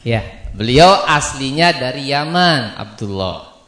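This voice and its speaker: An Indonesian man teaching a religious study class, quizzing his students and slowly spelling out names. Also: mid-range voice, lively intonation, a bit bright, reverberant. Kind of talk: classroom lesson with questions to students. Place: study hall.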